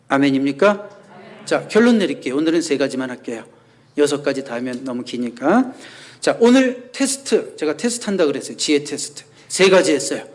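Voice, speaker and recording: A male pastor preaching a sermon in a church, asking the congregation rhetorical questions and acting out quoted voices. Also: mid-range voice. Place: church sanctuary.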